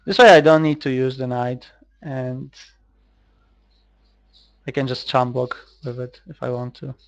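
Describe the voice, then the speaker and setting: Speaking at a measured pace with fairly even intonation, this medium-pitched Polish man hesitantly narrates his moves in an online card game. His accent is Polish, the tone casual, and there's no echo on the recording.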